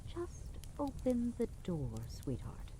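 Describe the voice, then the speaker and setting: A woman plays a haughty middle-aged queen and guilt-tripping mother in an audio drama podcast, her fairly high, warm voice swinging hugely in pitch at a slow pace, with a little hiss or hum. It's a full character voice, by turns dismissive, cajoling and imperious, with exasperated sighs.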